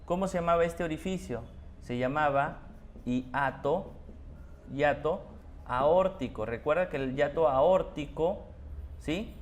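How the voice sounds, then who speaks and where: A man's voice: fairly high pitch, slow, a little hiss or hum. A man teaching an anatomy class, patiently repeating key terms and asking rhetorical questions. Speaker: anatomy tutor. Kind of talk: explanatory class lecture.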